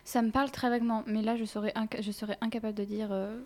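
A woman guest on a radio chat, explaining her music tastes in an animated, careful way. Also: on the high side, fast. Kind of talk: casual chat.

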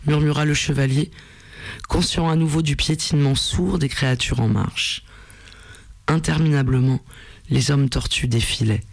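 A man hosting a radio program, reading a story aloud in a measured, deliberate way. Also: fairly high pitch, vocal fry, no room sound.

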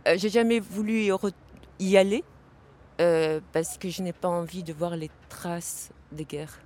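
A woman from Vietnam answering interview questions in a hesitant, halting way with many pauses and fillers, outdoors at a city station. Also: on the low side, fairly even intonation, a little mellow, slight background noise.

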